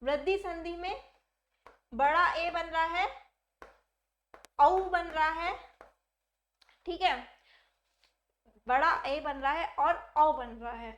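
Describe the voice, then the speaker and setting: A woman's voice: high-pitched, slow, pauses often, fairly bright tone. A woman teaching a grammar lesson for exam aspirants, who keeps asking her own questions and answering them patiently. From India.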